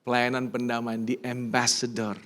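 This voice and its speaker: A middle-aged Indonesian-accented pastor preaching in a church, with a voice of ordinary middle pitch. He swings between emphatic, rising calls and quiet, personal storytelling. He drops English phrases into his preaching. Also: little pitch movement, normal speed. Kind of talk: sermon. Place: church sanctuary.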